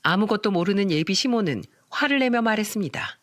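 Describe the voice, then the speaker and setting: A woman's voice: mid-range voice, animated, a little fast, no echo, clean studio sound. Woman narrating a personal story.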